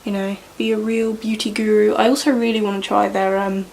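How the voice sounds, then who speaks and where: A woman's voice: mid-range voice, level tone, brisk, gravelly, a little mellow, slight background noise, low-quality recording. Chatty woman doing makeup. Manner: rambling, chatty, lots of "like" and "you know". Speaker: beauty vlogger. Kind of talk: casual chat while doing makeup. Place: indoors at home, doing makeup.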